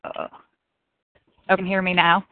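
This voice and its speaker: A woman's voice: on the low side, monotone, dry recording. Woman on a choppy, breaking-up phone line. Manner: halting, repeatedly asking if she can be heard. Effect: phone line breaking up, words cutting in and out. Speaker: caller in a phone meeting. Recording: tinny, dry phone line with dropouts.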